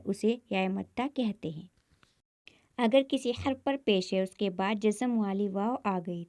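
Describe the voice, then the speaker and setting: A woman's voice: mid-range voice, a little mellow, dry recording. Patient woman teaching, dry close voice. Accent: Pakistani Urdu. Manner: slow, drawn-out example words, repeats rules patiently. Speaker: Quran recitation teacher. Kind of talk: step-by-step tajweed lesson.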